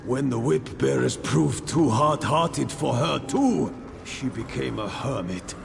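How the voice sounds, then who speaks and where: A man voicing a tormented, remorseful ghost of a squire in a video game, pleading and halting with a gravelly voice. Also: mid-range voice, very animated, full character voice. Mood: sorrowful. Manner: anguished, halting, pleading delivery. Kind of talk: dramatic video game voice acting. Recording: long ghostly reverb, noisy ambience.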